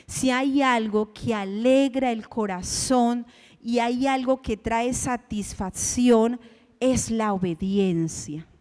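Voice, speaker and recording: A woman in her thirties or forties preaching a sermon in a church, reading scripture slowly and asking her listeners questions. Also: fairly high pitch, a little mellow, long reverb tail. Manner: slow, emphatic Bible reading with rhetorical questions.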